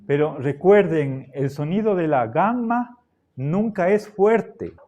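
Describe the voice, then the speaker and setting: A middle-aged man gives a classroom lecture, his voice sitting a little high. He talks very slowly and patiently. He keeps pausing to check that the students are following. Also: animated, warm tone, dull audio. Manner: slow, patient, checks in with frequent "¿sí?" and "¿ya?". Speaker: philosophy teacher.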